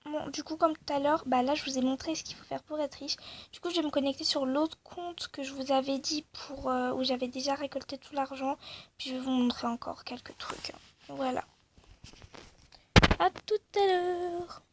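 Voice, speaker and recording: A woman's voice: high-pitched, steady tone, fairly quick. A young woman casually commenting on a game she plays, rambling with many fillers. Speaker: gaming video creator. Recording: faint background noise.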